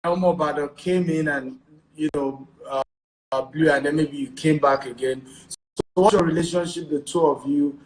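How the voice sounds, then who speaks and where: A man's voice: a little high, fairly even intonation, moderate pace. A man interviewing a guest in a casual online chat, asking teasing, rambling questions. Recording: echoey room.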